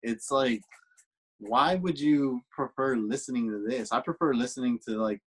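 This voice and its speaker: A man with a slightly husky voice talks on a casual podcast. He rants with growing animation and swears freely. The talk stays offhand. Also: mid-range voice, moderate pace, poor audio. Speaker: podcast co-host. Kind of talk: casual chat.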